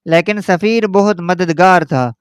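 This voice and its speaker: Man, storyteller, high voice, smooth resonant tone, dry close sound, steady earnest narration. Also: no room sound. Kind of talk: first-person story narration.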